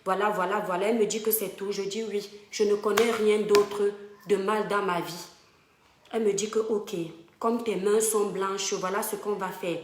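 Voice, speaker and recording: A woman's voice: mid-range voice, steady tone, moderate pace, slight background noise. Woman telling stories, roomy sound. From Cameroon. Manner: emphatic, fond, addresses viewers directly. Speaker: live-stream storyteller. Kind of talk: casual storytelling to online followers. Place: home room. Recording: roomy home echo.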